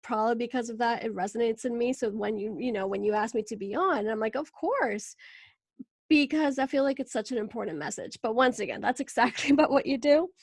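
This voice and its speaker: A woman's voice: fairly high pitch, a little fast, husky, no room sound. A woman from Venezuela hosting a podcast interview, bubbly and laughing often in casual chat. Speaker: podcast host.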